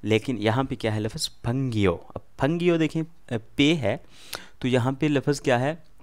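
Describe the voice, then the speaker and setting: A man's voice: medium pitch, moderate pace, darkish tone. Urdu-accented man teaching a beginner lesson. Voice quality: patient, repeats and quizzes the listener. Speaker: language teacher.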